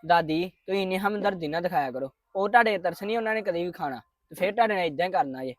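Brief: a woman voicing a stubborn young grandson, rapid-fire and indignant. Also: on the low side, expressive, no room sound, clean studio sound. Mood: resentful. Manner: quick, insistent, arguing. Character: young boy, defiant grandson. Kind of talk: family drama acting.

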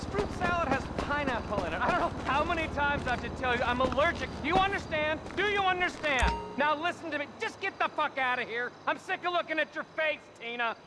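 Petulant, high-voiced male film star. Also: animated, measured pace, long pauses, music in the background. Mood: petulant anger. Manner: scolding, emphatic. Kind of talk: video game voice acting. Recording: distant, noisy outdoor game scene.

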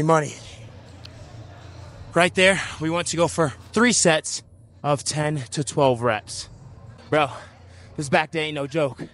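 A young man coaching a back workout in a gym vlog, hyped and encouraging, calling viewers bro. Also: on the high side. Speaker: fitness coach.

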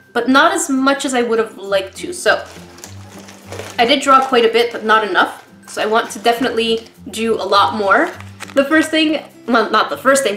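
A woman's voice: on the high side, fairly bright tone, reverberant. A woman vlogger rambling in a casual unboxing chat, emotional and close to tears, laughing often. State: tearful, emotional.

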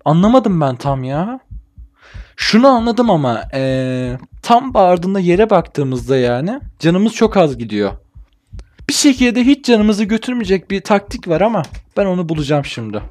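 A young man giving excited casual commentary while playing a video game, shouting at enemies. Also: high voice, a little slow. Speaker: gaming YouTuber. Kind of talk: casual let's-play commentary.

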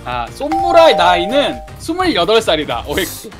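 A man reading out quiz questions and announcing the answers like a quiz master, with loud music behind. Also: high-pitched, huge pitch swings, moderate pace. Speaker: quiz question reader and judge.

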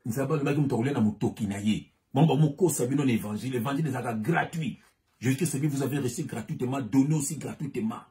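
A man's voice: medium pitch, quick pace, mellow. Fiery preacher man. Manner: fiery, switches between French and Lingala, repeats phrases with rising emphasis. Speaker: pastor. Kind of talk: preaching sermon.

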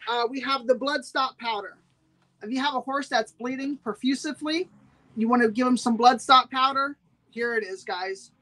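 A woman's voice: fairly high pitch, moderate pace, bright, forceful tone, rough recording. A woman hosting a live-streamed sale, chatting with viewers and repeating every price twice. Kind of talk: live-streamed sales pitch.

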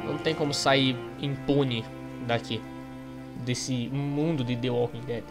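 A man's voice: mid-range voice, fairly even intonation, measured pace, over music. A man with a Brazilian Portuguese accent giving casual, slangy commentary while playing a video game. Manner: informal, slangy. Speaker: gamer commenting on a playthrough. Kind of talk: casual let's play commentary.

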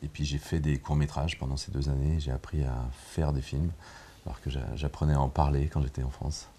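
Low, mellow-voiced man in a studio interview. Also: level tone, a little fast, slight background noise. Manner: reflective, many hesitations and restarts. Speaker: film director guest. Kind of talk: relaxed interview conversation. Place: TV studio set with armchairs. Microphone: lapel mic.

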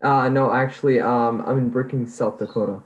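Young student from Egypt, mid-pitched voice, polite questions, muffled webcam sound. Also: male voice, steady tone, fairly quick. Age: young adult. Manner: polite, with frequent "um" before questions. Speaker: student interviewer. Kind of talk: interview questions over a video call. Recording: dull, lo-fi video call audio.

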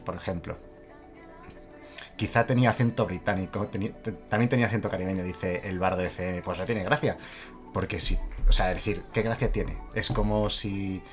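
A man streaming a card game live, chatting casually, greeting viewers by name and laughing often. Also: fairly low pitch.

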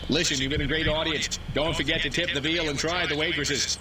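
An actor playing an alien in disguise who poses as a human mayor and gives stilted, formal speeches. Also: male voice, on the high side, steady tone, a little fast, distant mic, crowd noise, natural voice. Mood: bluster.

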